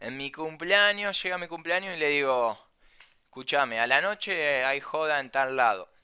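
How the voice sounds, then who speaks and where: A young man with a Rioplatense Spanish accent casually telling a travel anecdote, slangy and animated, swearing freely. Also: on the high side, normal speed, smooth. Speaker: storyteller.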